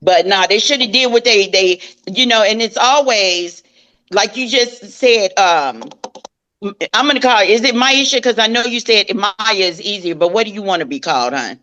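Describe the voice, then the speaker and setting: A woman's voice: mid-range voice, animated, normal speed, bright, forceful tone, dull audio. A woman with a mid-range voice in a casual live group chat. She talks with fiery, slangy and profane energy. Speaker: panelist.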